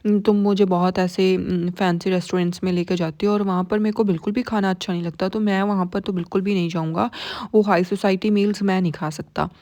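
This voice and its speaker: A woman's voice: mid-range voice, steady tone, fast, dark tone, lightly acted. A woman reading the lines of a stubborn young man. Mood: refusing.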